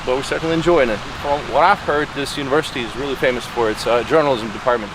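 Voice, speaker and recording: A man from Russia hosting a vlog on location, talking casually to the camera in quick, chatty remarks. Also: medium pitch, steady tone, background noise. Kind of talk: casual walk-and-talk.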